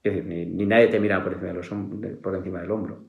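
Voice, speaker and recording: A middle-aged man with a Spanish accent from Spain talks as a podcast guest, in a low-pitched voice. He speaks haltingly, stopping and restarting his phrases and tagging them with fillers. The recording has a roomy echo. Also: level tone, gravelly. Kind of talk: casual conversation.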